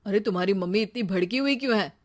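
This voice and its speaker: A woman's voice: medium pitch, quick pace, close to an everyday voice. A woman voicing an irritated office-working father, complaining dryly in a children's cartoon story. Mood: puzzled. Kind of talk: animated children's comedy story.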